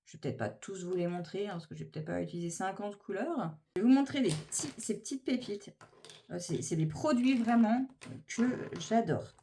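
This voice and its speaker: A woman's voice: mid-range voice, fairly quick, dark tone, slight background noise. Chatty woman doing makeup. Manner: chatty and enthusiastic, gushing over products. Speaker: beauty vlogger. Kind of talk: casual makeup tutorial chat.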